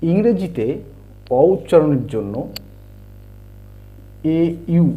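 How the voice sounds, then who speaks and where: A man teaching English letter sounds, spelling words out and repeating the sounds slowly. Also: fairly high pitch, big pitch swings, dark tone, a little hiss or hum. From India. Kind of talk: slow explanatory lesson. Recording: dull lo-fi home recording.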